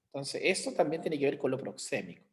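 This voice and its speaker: A man's voice: a little high, very animated, a little fast. A man with a Chilean accent teaching an online class, explaining with everyday examples and checking in with his students. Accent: Chilean Spanish. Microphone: computer mic on a video call.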